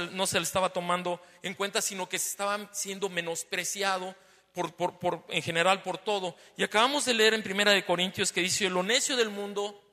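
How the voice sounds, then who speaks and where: A man preaches to his congregation in a high, bright voice, checking in with them constantly as he talks. His words go out through a microphone into a church hall with a long reverb. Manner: conversational, asks the congregation many tag questions; loud and emphatic, then lowers his voice after being told he is shouting. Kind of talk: sermon. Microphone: handheld or stand microphone.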